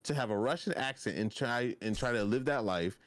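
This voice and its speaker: A young man co-hosting a podcast, talking in an excitable, gushing way that often trails off mid-sentence. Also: medium pitch, brisk, no echo, studio quality. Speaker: podcast co-host. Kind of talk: casual chat.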